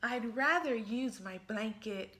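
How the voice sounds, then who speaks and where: Reading a picture book aloud, a woman voices an imaginative little girl convinced she's a fairy, adding lively, playful emphasis. Her pitch is fairly high and she takes her time.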